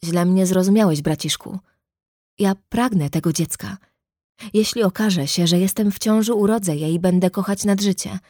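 A woman voicing a scared, gentle seventeen-year-old girl in a read-aloud story. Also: medium pitch, normal speed, dry recording, clean studio sound, natural voice. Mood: pleading. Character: frightened gentle teenage girl.

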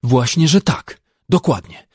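A man's voice: mid-range voice, very animated, measured pace, husky, no room sound, clean studio sound, heavily acted. A man voicing a stubborn, sulky working man who answers bluntly and defiantly.

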